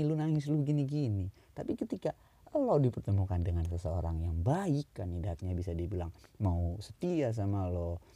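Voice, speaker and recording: A young man talking casually to the camera, slangy and animated, sometimes jumping up high for mock pleading. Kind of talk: casual monologue.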